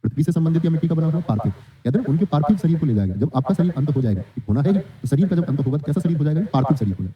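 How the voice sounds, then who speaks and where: Fast-talking male teacher. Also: a little high, animated, slight background noise. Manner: quizzing, answers his own questions, reads student comments. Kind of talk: online exam-prep class. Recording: dull lo-fi sound.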